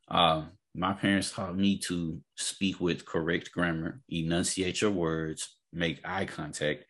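In a casual, opinionated discussion, a low-pitched man speaks emphatically, repeating his points and checking that the listener is keeping up.

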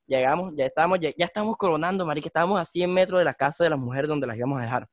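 Animated slangy coastal podcaster. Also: male voice, fairly high pitch, racing, no room sound, studio quality. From Colombia. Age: young adult. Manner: slangy, animated, acts out voices in his stories. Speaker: podcast host. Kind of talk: casual podcast storytelling.

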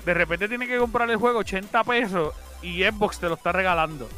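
A man's voice: high voice, a little fast, sharp tone. A man with a Puerto Rican accent debating casually as a podcast panelist, blunt and argumentative. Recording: music behind the voice.

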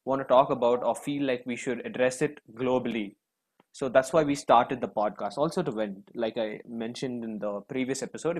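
Young man rambling casually on a podcast. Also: mid-range voice. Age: young adult. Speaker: podcast host.

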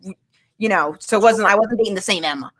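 A woman's voice: mid-range voice, quick pace. A young woman from Maine, a guest in a casual podcast conversation, who tells her stories animatedly and acts out what people said. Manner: animated storytelling, acting out quotes.

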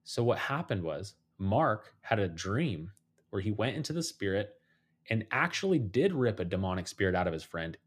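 A man with a lowish voice spins eerie stories as a podcast guest. He tells them in an animated way, acting out what people said to him, dropping low and quiet for the heavy parts. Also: normal speed, husky. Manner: animated storyteller, acts out quoted voices. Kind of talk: storytelling in a podcast conversation.

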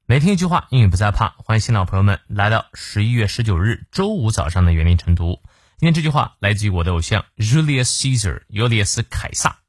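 A man hosts a morning English lesson. His voice sits low but moves up and down a lot as he explains. The sound is dry and close. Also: very animated, no room sound. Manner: slow, careful pronunciation of English phrases; chatty, explaining with fillers. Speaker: English teacher and host.

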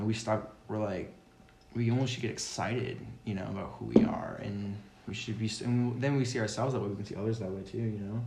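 A man talking casually about spirituality, rambling and excitable, swearing now and then. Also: mid-range voice, echoey room, slight background noise.

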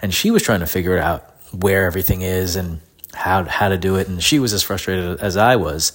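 A middle-aged man speaks in a low-pitched voice made grating and congested by a head cold and sore throat. He hosts alone in a casual, diary-like style, complaining informally and with open frustration. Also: a little fast. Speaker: podcast host. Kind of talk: casual solo rant, diary-like.

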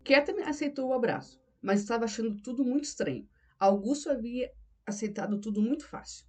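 A woman narrating a novel as an audiobook in a steady storytelling delivery. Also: on the high side, brisk. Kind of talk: scripted narration.

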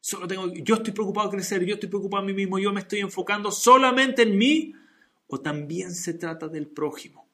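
Gravelly man giving animated Torah lesson. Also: on the high side. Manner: animated, acts out dialogue in story. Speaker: Torah teacher. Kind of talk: religious lesson with storytelling.

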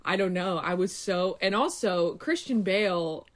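A woman's voice: fairly low pitch, a little slow. A woman co-hosting a casual podcast chat, wry and hesitant, giving frank opinions. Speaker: podcast co-host.

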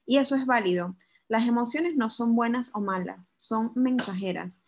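A woman's voice: on the high side, moderate pace. A woman co-hosting a talk, encouraging and addressing the listener directly. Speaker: co-host. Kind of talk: conversational talk.

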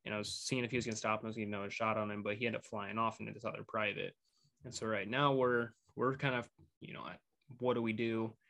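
A man's voice: lowish voice, fairly even intonation, fast talker, vocal fry, sharp tone. A man co-hosting a podcast, telling a hunting story in a loose, rambling way with lots of fillers and restarts. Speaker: podcast co-host recounting his hunt. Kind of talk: casual storytelling.

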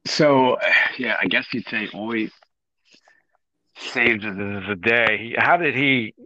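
A man's voice: medium pitch, takes it slowly, sharp tone, dry recording. A man co-hosting an unscripted book podcast, rambling casually and swearing now and then. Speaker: podcast co-host. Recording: dry, dull lo-fi sound.

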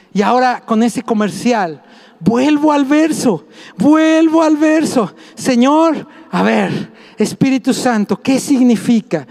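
A man, a pastor, preaching a sermon to his congregation, mixing jokey asides with repeated shouted emphasis. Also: high voice, creaky.

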